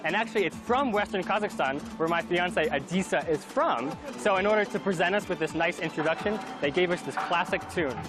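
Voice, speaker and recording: A man's voice: high voice, expressive, a little fast, hardly any pauses, over music. A young man from California hosting a travel show, explaining customs in an upbeat way. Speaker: TV host. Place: outdoors at a wedding celebration.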